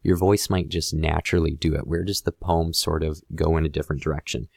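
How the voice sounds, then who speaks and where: A man teaching a poetry lesson in a relaxed, conversational way, speaking straight to the viewer. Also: very deep voice, brisk, creaky, no room sound, studio quality. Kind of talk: explanatory lesson on a poem.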